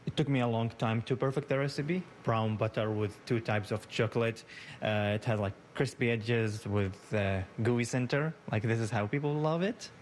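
A young man answers interview questions in his bakery kitchen. He speaks haltingly, with many "uh"s and restarts. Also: medium pitch, slight background noise. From Yemen, raised in Saudi Arabia. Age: 20s. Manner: hesitant, halting, with frequent "uh" and restarts. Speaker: bakery founder, guest.

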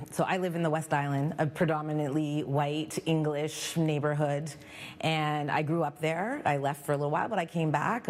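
A middle-aged woman from Montreal answers interview questions. Her voice is notably low. She reflects on her answers in a thoughtful, unhurried way. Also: a little mellow. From Montreal, Canada. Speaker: school board commissioner and parent.

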